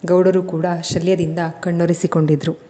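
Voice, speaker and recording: A woman storyteller reading a scripted family drama serial in a steady, emotive way. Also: fairly low pitch, normal speed.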